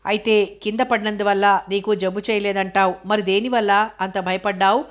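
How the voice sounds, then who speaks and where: A woman voicing a kindly older male doctor who asks slow, gentle questions, in an audiobook reading. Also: medium pitch, steady tone, lightly acted.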